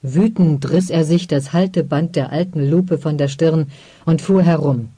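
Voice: mid-range voice, measured pace, mellow, breathy edge, no room sound. Ein Vorleser, der eine literarische Geschichte gemessen und dramatisch als Hörbuch erzählt. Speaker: audiobook reader. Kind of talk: scripted narration of a literary story.

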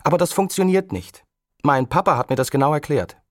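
A man's voice: a little high, animated, fairly quick, dry recording, clean studio sound, voice pushed up, natural voice. A man reading aloud, lifting his voice to play a sceptical, know-it-all young girl who challenges her friend.

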